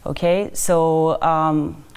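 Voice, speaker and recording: A woman in her thirties from Brazil with a Brazilian Portuguese accent, a guest professor explaining her field in a measured way with frequent pauses and fillers. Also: low-pitched, little pitch movement, gravelly, darkish tone, smooth. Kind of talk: interview answers.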